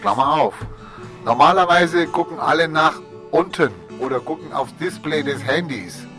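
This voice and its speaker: Bright-voiced man telling an anecdote. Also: a little high, normal speed, soft background music. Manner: animated storyteller with teasing asides. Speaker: co-host. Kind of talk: casual radio banter and anecdote telling.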